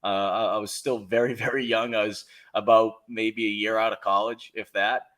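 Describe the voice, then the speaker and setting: Boston-accented sports talk co-host, rambling. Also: male voice, lowish voice, moderate pace. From Boston area. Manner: rambling, animated storyteller with many restarts. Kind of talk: sports radio chat.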